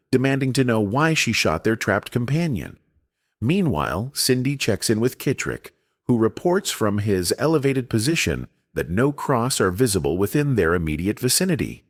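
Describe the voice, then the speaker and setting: A man giving a measured, dramatic scripted narration, recapping a story. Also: on the low side, no echo, studio quality.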